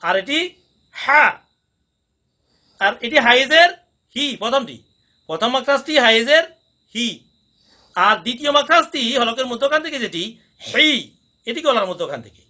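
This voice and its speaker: A man teaching Quran pronunciation in a recorded lesson, drilling each sound slowly with repetition. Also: extremely high pitch, animated, pushed and bright.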